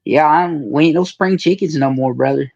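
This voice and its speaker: On a podcast, a forty-something former wrestler chats and reminisces in a folksy storyteller's manner, full of colloquial rural expressions. His voice is on the high side, creaky and darkish at a normal speed, with no echo and dull audio.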